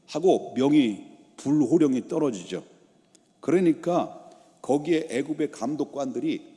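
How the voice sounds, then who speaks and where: Male senior pastor, warm low-key tone, lively narrative sermon in a reverberant sanctuary. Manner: storytelling, acting out the scene. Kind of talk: expository sermon. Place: church sanctuary. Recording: long church reverb.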